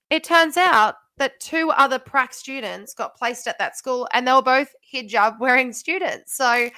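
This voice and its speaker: A woman's voice: mid-range voice, pushed and bright, dry recording. A young woman with a broad Australian accent chatting casually on a solo podcast, stressing her points emphatically. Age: young adult. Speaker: podcast host and student teacher.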